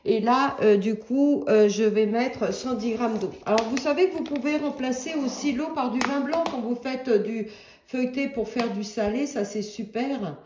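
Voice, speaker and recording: A woman's voice: a little high, normal speed, darkish tone, echoey room, a little hiss or hum. A woman giving a casual cooking demonstration in a home kitchen, talking in a chatty, hesitant way with many fillers.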